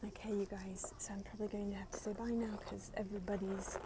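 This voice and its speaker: A young woman softly whispering through an ASMR walkthrough of a store, naming the items one by one on a handheld phone. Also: mid-range voice, little pitch movement, quick pace. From United States. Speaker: ASMR creator. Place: inside a large retail store. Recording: loud background noise in a busy store. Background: store noise, people opening boxes.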